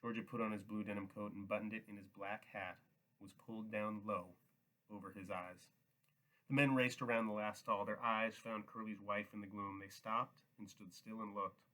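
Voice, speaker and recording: A man reading a novel aloud as a steady, plain audiobook narrator. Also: lowish voice, moderate pace, low-quality recording. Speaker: audiobook reader. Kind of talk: scripted narration.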